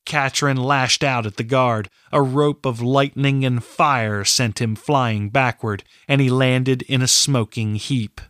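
A man reading a fantasy novel aloud as narrator, in a measured, steady storytelling manner. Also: mid-range voice, dry recording, studio quality. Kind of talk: scripted audiobook narration.

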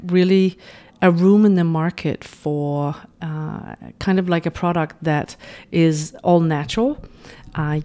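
A woman's voice: low-pitched, a little mellow. A woman in her forties from Denmark, talking as a guest in an interview, reflective and full of "you know" and "uh" fillers. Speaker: guest, beauty brand founder. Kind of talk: conversational interview.

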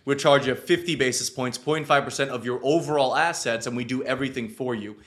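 A man's voice: medium pitch, a little fast, a bit bright. A man speaking as an advisor, explaining things casually and emphatically. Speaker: financial advisor guest.

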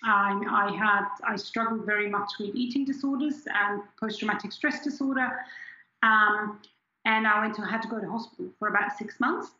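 Her mid-range voice is bright and forceful, at a normal speed, recorded muffled in an echoey room. She's a Swiss scientist in her forties, German as her first language, reflectively sharing her personal story as an interview guest with many restarts.

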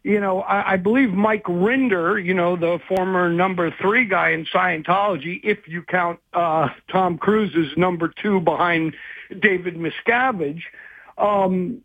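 A man with a fairly high voice rambles through a phone interview, stopping and restarting his thoughts as he goes. The sound is tinny and narrow like a phone line, and completely dry. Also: measured pace, dry recording. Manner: rambling and hesitant, many restarts. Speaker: guest investigative journalist.

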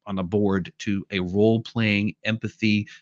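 Animated man, dull dry recording. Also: lowish voice, unhurried, dry recording. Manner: animated storyteller who acts out quotes. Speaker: podcast guest. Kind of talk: casual conversation.

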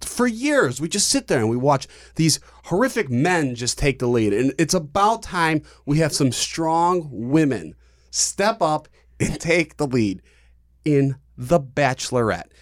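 A man from Chicago chatting on a podcast, joking in a deadpan, mock-earnest way. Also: a little high, measured pace. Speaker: podcast guest. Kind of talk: casual chat.

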